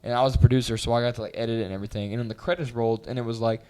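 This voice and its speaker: A young man on a casual podcast, telling a story in a lively way and acting out the voices of the people in it. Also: mid-range voice, rapid-fire, clear, resonant tone. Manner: animated storyteller, acts out voices and hums loudly. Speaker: podcast co-host. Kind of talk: casual chat.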